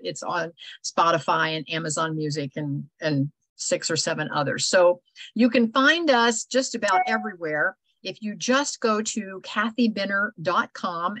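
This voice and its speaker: A woman's voice: fairly low pitch, fairly bright tone, dry recording, rough recording. An older woman, hosting a casual video call meetup, chatty and rambling with lots of fillers. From Ohio. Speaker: host. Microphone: video call microphone.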